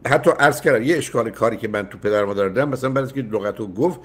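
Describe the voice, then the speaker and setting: A man's voice: medium pitch, a bit bright, husky. An older man hosting a call-in advice show, emphatic and often cutting in with repeated no's. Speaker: radio psychologist host.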